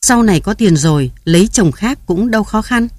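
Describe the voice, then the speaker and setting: A woman's voice: medium pitch, animated, fairly quick, darkish tone, husky, dry recording, voice pushed up. A woman reading the part of a scheming middle-aged man who presses a grieving wife to hand over her money. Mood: persuasive. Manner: persuasive, pressing.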